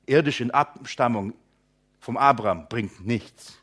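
A man's voice: medium pitch, fairly bright tone. A man preaching, teaching a Bible passage verse by verse, asking his listeners rhetorical questions and calling them friends. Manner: acts out imagined objectors in quick asides. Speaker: pastor.

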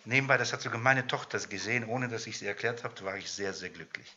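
A man preaching a sermon who fires rhetorical questions at his congregation and swings between loud emphasis and hushed asides. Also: lowish voice, fast, lo-fi sound.

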